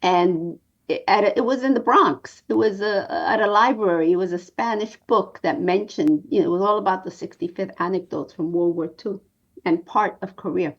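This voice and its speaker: Pausing many times, a documentary producer from New York, a woman in her sixties, shares her story in an interview with a sincere, measured delivery. The pitch is medium and the recording sounds dull.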